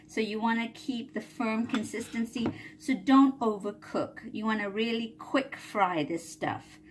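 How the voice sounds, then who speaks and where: A woman with a slightly high voice talks through a recipe in her home kitchen, relaxed and conversational. She keeps checking in with the viewer as she goes, and a faint noise sits under the recording. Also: a little slow. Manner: chatty, with frequent "all right?" check-ins. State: coughing a little from chili fumes. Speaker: cooking channel host. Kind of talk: casual cooking demonstration.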